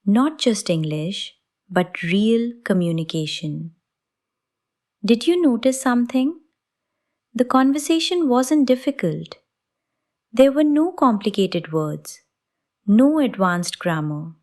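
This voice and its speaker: Woman English teacher, scripted lesson narration, slow and encouraging. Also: a little high, animated, a little mellow. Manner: encouraging, step-by-step.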